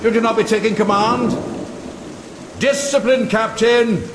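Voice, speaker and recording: A man playing an ancient vampire count in a gothic horror audio drama, theatrical, sardonic, deliberate and mockingly commanding. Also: high voice, fairly even intonation, background noise. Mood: taunting. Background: rain and thunder.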